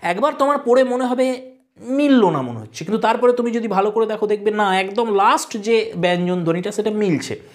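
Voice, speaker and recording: A woman's voice: mid-range voice, a little fast. A woman teaching an online English poetry lesson. She explains step by step and asks and answers her own questions.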